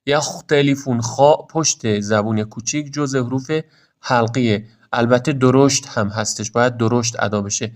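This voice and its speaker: A man teaching Quran recitation pronunciation, explaining each sound and then modeling words slowly and carefully. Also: medium pitch. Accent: Iranian Persian. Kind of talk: tajweed pronunciation lesson.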